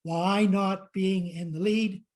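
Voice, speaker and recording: Older guy reading a story, dry and low-key. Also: fairly even intonation, measured pace. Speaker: guest sharing a memory. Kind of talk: reading a prepared anecdote.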